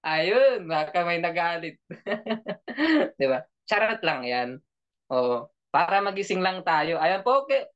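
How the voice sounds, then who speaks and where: Leading an online training session, a man keeps his audience involved by joking, laughing frequently and asking them questions again and again. He speaks slowly in a high, sing-song voice that is clear, resonant and a bit bright, though the recording itself is dull and lo-fi.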